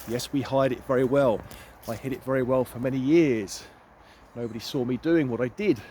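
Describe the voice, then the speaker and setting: A middle-aged man talks straight to his phone while walking outdoors, earnest and emphatic, often repeating his words for emphasis. His voice sits at an ordinary middle pitch. Faint outdoor noise runs under the recording. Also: moderate pace, mellow. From United Kingdom. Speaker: empowerment coach. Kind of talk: walking vlog monologue. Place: outdoors in woods.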